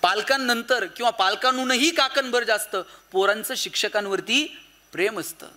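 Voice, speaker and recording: Bright, high-voiced male lecturer. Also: moderate pace. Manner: animated, rhetorical questions to the audience. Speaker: motivational speaker addressing parents and teachers. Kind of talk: public lecture. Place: auditorium.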